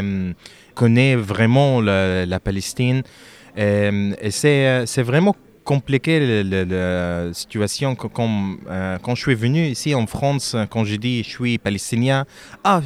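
A man from Lebanon answering interview questions about his music, speaking haltingly with frequent fillers and restarts. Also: mid-range voice, smooth.

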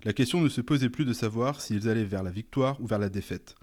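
A man reading a novel aloud in a measured, dramatic narration. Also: lowish voice, darkish tone. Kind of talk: audiobook narration.

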